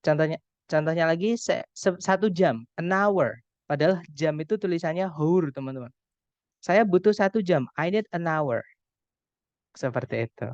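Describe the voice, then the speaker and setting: A young Indonesian man tutoring an online English grammar class, explaining slowly and patiently with many examples. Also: on the high side, animated, no echo. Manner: patient, explains slowly, often addresses students as friends. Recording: dull dry call audio.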